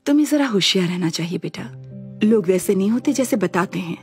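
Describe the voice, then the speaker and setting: A woman's voice: mid-range voice, animated, a little fast, a little mellow, soft background music, close to an everyday voice. A woman dubbing the part of a protective, middle-aged mother of grown twin sons, speaking firmly in a drama. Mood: cautioning. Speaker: voice actor in a dub. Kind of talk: dubbed drama dialogue.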